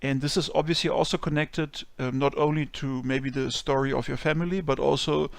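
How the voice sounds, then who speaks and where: Gravelly-voiced man interviewing casually. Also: fairly high pitch, steady tone, fairly quick, dry recording. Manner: friendly, hesitant questions with many ums.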